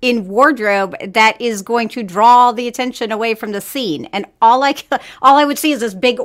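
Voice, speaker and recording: A woman's voice: on the high side, a bit bright. A woman on a film review panel, blunt and opinionated in casual discussion. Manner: blunt, opinionated, quick reactions.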